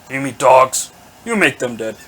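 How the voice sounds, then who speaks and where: A man voicing a boastful male goblin chieftain who booms his orders in broken, grandiose grammar. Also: very animated, moderate pace, fairly bright tone, breathy edge. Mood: commanding. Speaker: game master voicing a character.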